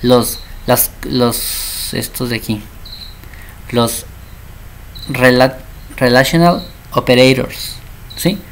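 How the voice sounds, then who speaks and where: A man's voice: medium pitch, extremely slow, creaky, long pauses, a little hiss or hum. Chatty man teaching a lesson. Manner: chatty, constantly checking understanding; acts out little dialogues. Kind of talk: programming lesson.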